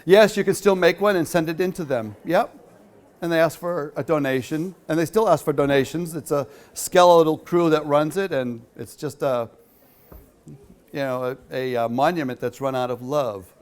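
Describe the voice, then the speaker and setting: A man's voice: a little high, moderate pace. Chatty man taking audience questions. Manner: chatty, rambling, many fillers. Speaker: featured speaker at a quilt show. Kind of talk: talk with audience Q&A. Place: hall.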